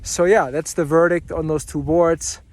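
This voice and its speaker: Higher-pitched man reviewing gear outdoors at a ski area. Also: fairly even intonation, moderate pace, a little mellow. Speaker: snowboard reviewer. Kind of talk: casual vlog gear review, talking off the cuff.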